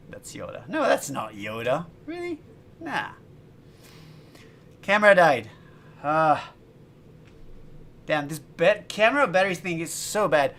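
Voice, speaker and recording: A man's voice: a little high, sing-song, slow, pauses often, a bit bright. A man chatting casually on a livestream while making music, laughing often and restarting his sentences. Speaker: streamer and musician.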